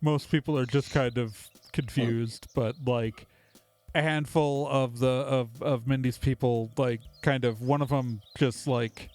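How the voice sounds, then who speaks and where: A man's voice: medium pitch, steady tone, a little slow, a little mellow, no echo, faint music behind. A man narrating as the game master of a tabletop game, rambling loosely with many restarts.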